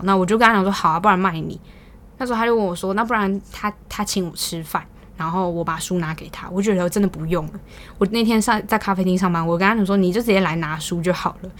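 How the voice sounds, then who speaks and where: A woman's voice: fairly low pitch, a little hiss or hum. A young woman with a Taiwanese Mandarin accent, hosting a podcast and telling a story in casual, exasperated venting, swearing now and then. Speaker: podcast host.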